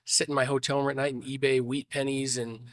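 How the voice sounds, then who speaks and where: Guy in his 30s w a stuffy sick voice, rambly podcast guest, smooth tone, dry close mic. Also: mid-range voice, flat delivery, fast talker, no room sound. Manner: rambling, many restarts. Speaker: shop owner guest. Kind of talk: casual interview.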